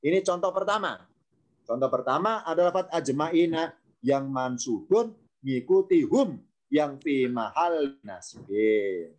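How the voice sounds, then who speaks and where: A man, his voice sitting a little high, leads an online grammar class. He explains patiently, repeats each key term and stops to quiz his students. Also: expressive, a little slow. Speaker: Arabic grammar teacher.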